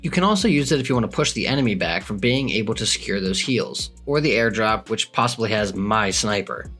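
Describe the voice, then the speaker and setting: A man's voice: lowish voice, animated, fairly quick, fairly bright tone, soft background music. A man co-hosting a scripted video game guide, with a playful, upbeat way of talking. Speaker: co-host of a gaming channel.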